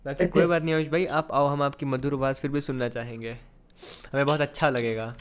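A man chatting and joking with friends while racing in an online game, teasing and breaking into excited shouts. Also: medium pitch, brisk, clean tone. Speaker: streamer. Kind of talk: casual gaming banter.

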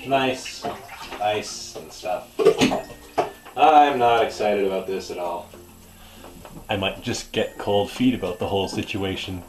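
A young man casually introducing his vlog in a deadpan, reluctant way. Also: lowish voice, slow, long pauses. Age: young adult. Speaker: vlogger. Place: indoors at home. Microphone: camera mic. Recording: roomy, slightly distant camera microphone.

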